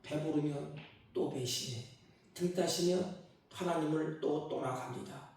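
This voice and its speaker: A middle-aged man preaching a sermon as pastor, swinging from loud emphatic bursts to quiet asides and acting out quoted voices. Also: on the high side, measured pace, gravelly. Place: church sanctuary. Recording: very echoey hall, voice from far off.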